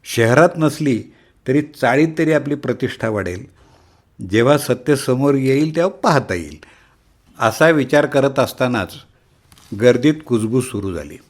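Man, middle-aged, story reader, expressive, acts out characters, mid-pitched voice. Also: a little slow. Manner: lively, shifts pitch and loudness to act out characters. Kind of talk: expressive short story reading.

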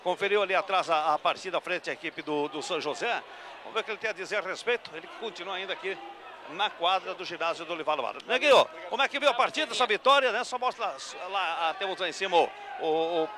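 A man doing live post-match radio reporting from a gym court. His voice sits high and he talks quickly, stringing his words together with lots of fillers. The broadcast is noisy, with the sound of the gym heard clearly behind him. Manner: rambling, filler-heavy live chatter.

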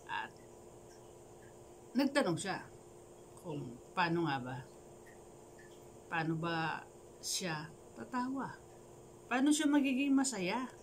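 A woman's voice: on the low side, expressive, slow pace, long pauses, a little hiss or hum, poor audio. A woman vlogger telling a moral story casually, with playful joking asides. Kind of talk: casual storytelling with a life lesson.

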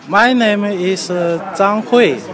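A man in his forties from China, hesitant and slow, speaking on camera outdoors. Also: high-pitched, a crowd in the background. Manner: slow, hesitant English then Mandarin. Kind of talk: short on-camera statement. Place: outdoors by a building. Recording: outdoors with people around.

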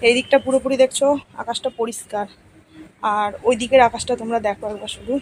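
Soft-spoken woman in a home vlog. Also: a little high, steady tone, breathy edge. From India. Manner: soft, slow-paced, tells viewers what she does. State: unwell, a little tired. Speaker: vlogger. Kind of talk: casual home vlog chat. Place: home and garden.

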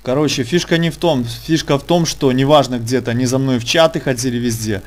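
A man's voice: mid-range voice, fairly quick. A man hosting a casual online interview, talking colloquially and insistently, repeating phrases for emphasis. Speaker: interviewer and channel host.

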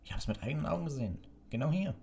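A man voicing a gruff, impatient male executioner who snaps angrily. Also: fairly high pitch, lively intonation, rapid-fire, warm tone, slight background noise, pitched above the performer's own voice. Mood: furious. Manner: angry, snapping.

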